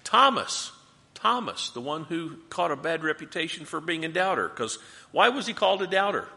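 A man leading a group Bible study, teaching and asking the group questions in an animated way. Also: fairly high pitch, normal speed, vocal fry. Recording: reverberant room.

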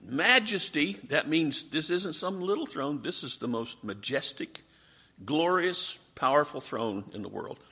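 A man's voice: fairly high pitch, expressive, unhurried, bright, forceful tone, husky. A man leading a Bible study class, teaching animatedly and putting questions to his listeners.

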